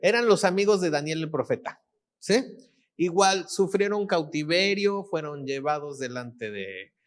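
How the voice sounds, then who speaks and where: A middle-aged man with a Mexican accent preaches a sermon in a loose, conversational way, acting out the people in his story. His voice sits a little high for a man. He keeps asking his listeners short questions as he goes. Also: lively intonation, unhurried. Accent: Mexican Spanish. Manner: casual storytelling, acting out dialogue with asides to the congregation. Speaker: pastor.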